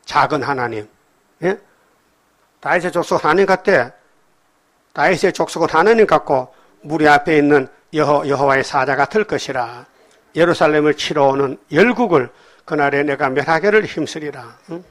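A man preaching a sermon, reading scripture and explaining it in blunt, colloquial asides, often prodding his listeners with short questions. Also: moderate pace. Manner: swings between loud emphatic outbursts and low murmured remarks. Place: church hall with congregation.

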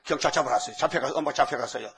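A man's voice: mid-range voice, rapid-fire, a bit bright. An older man preaching a sermon in a folksy, storytelling way, acting out the dialogue between his characters and chuckling often.

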